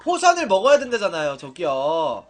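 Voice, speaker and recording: A man's voice: high voice, wildly swooping pitch, a little fast. A man playing alongside a streamer, bossing him around, swearing and laughing at his mistakes. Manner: bossy, swearing, laughing at partner. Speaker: co-player. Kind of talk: casual game chat.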